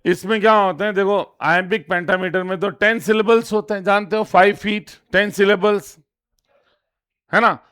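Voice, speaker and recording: A man teaching an exam-prep lesson, reading each question out slowly and then explaining it step by step with frequent repetition. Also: high voice, fairly even intonation, a bit bright, clean tone. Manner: reads English questions slowly, then translates. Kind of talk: exam lesson in Hindi with English terms.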